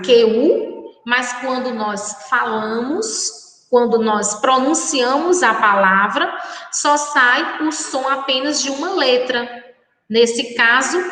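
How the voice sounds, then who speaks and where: Brazilian schoolteacher, woman, high voice, slow sing-song delivery to kids, recorded from afar in a roomy space. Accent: Brazilian Portuguese. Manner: slow, sing-song, addresses children warmly. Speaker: primary school teacher. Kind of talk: remote class lesson. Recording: echoey room from far off.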